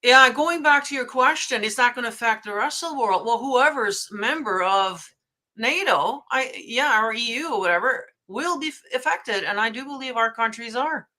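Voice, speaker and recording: Chatty Norwegian-raised woman, bright voice. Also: fairly high pitch, expressive, moderate pace. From Norway. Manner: chatty, lots of "like" and "you know". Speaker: guest. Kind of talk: casual podcast chat.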